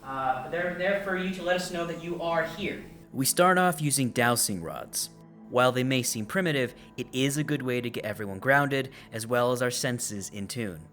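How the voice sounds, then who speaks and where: A man's voice: mid-range voice, moderate pace, fairly bright tone, soft background music. A man in his twenties, host and lead investigator, narrating a ghost hunt and earnestly addressing spirits. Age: 20s. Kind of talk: ghost-hunting narration and group briefing.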